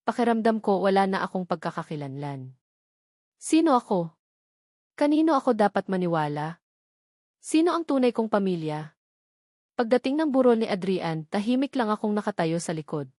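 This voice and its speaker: A woman's voice: medium pitch, very animated, moderate pace, pauses often, a little mellow, no room sound, studio quality. A woman narrating a dramatic first-person family story in short, punchy sentences, voicing every character in the same voice.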